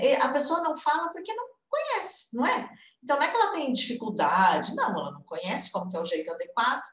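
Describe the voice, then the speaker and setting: A young adult woman with a Brazilian Portuguese accent, teaching an online English lesson in a lively way and slowly repeating example words. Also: on the high side. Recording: roomy indoor echo.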